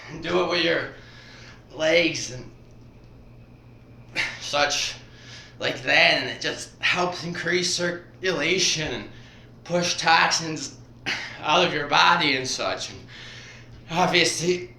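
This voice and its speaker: A man talking casually while demonstrating stretches, out of breath and rambling in halting phrases strung together with "and". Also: a little high, vocal fry, pushed and bright. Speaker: vlogger. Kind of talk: casual exercise demonstration vlog. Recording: roomy echo, faint background hiss.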